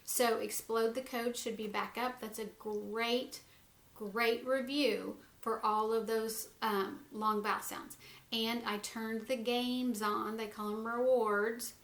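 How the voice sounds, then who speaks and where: A woman's voice: on the high side, fairly even intonation, takes it slowly, reverberant. A middle-aged woman teaching a phonics lesson to young children from home, patiently sounding out letters and syllables.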